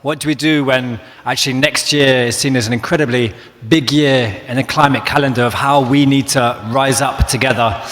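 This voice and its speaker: A man from London with a London accent, moderating a live panel, talking quickly with fillers. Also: mid-range voice, fairly even intonation, a bit bright. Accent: London English. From London, England. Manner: quick talker with frequent fillers. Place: large echoey hall. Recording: echoey hall with long reverb.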